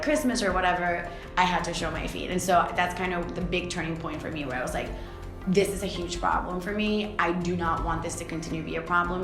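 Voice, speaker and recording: A young adult woman from Costa Rica talks candidly about her life in a documentary interview, pausing often and filling the gaps with "like" and "um." Her voice sits fairly low, and the room around her is echoey, with clear music playing under the interview. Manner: reflective, candid, many fillers. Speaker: swimwear founder.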